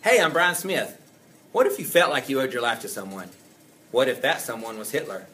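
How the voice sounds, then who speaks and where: Bright-voiced man pitching a book. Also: very animated, a little fast, slight background noise. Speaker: book talk presenter. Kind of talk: short book talk.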